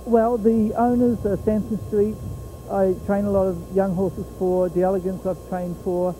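A middle-aged man with a New Zealand accent, a horse trainer speaking in an outdoor trackside interview, plain-spoken with many pauses and fillers. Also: high-pitched, little pitch movement, dark tone, a little hiss or hum, poor audio. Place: outdoor fairground racetrack.

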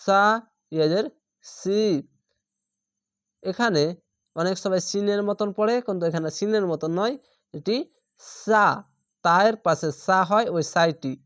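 A man's voice: high voice, unhurried, long pauses, a bit bright, clear, resonant tone, dry recording, studio quality. A man teaching Quran reading, who spells out each letter and syllable, repeats the sounds and stretches the vowels before joining them into words. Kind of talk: step-by-step recitation lesson.

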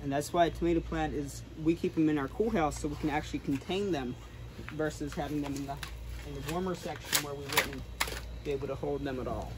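The guide here is a young adult man giving a casual, explanatory walk around big greenhouses and a garden center yard, his voice on the high side, brisk and fairly even in intonation. A camera or phone held a few steps away recorded the handheld video, with clear background noise.

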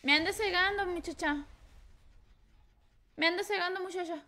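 A woman with a Mexican accent streaming a game live, excitable and swearing as she reacts to the play. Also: very high-pitched, normal speed. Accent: Mexican Spanish. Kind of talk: live gameplay commentary.

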